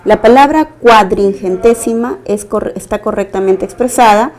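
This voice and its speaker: A woman's voice: medium pitch, normal speed, darkish tone. Methodical woman teaching grammar. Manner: methodical, explains step by step. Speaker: language teacher. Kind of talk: recorded exam-prep lesson.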